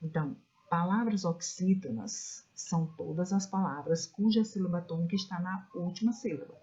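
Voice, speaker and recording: A woman's voice: lowish voice, moderate pace, mellow, dull audio. A woman with a Brazilian accent teaching a recorded online class to children, patient and instructive, often pointing things out on the slides. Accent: Brazilian Portuguese.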